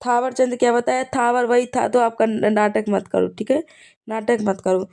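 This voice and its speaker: A woman's voice: on the high side, little pitch movement, moderate pace, creaky, a little mellow. A woman teacher giving an exam revision lesson, teaching memory tricks and often checking in with the listener as she repeats key points. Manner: repetitive, checks in with "ठीक है".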